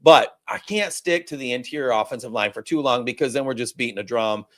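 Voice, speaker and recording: A man hosting a sports podcast, talking in an animated, rambling way and swearing freely. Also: mid-range voice, brisk, no echo, studio quality. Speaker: podcast host. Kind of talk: casual sports chat.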